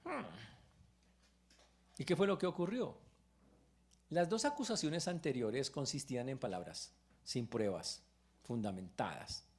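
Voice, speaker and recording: A man preaching a sermon as pastor in church, retelling a story with lively exclamations. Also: mid-range voice, unhurried, long pauses, a little hiss or hum.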